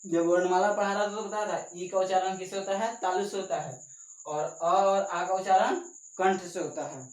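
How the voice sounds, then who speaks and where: In an echoey room, a male teacher with a high-sitting, steady and darkish voice gives a classroom lesson. He talks slowly and repeats himself, often asking questions that prompt students to answer and take notes.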